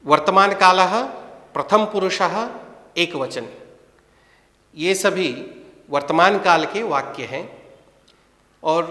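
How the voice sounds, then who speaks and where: A man teaches a Sanskrit lesson, speaking very slowly and pronouncing every word with care. His voice is bright and a little high. It sounds like an echoey room with a long reverb tail. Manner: enunciating each word carefully, pausing between phrases. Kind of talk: slow, deliberate language lesson with repeat-after-me drills.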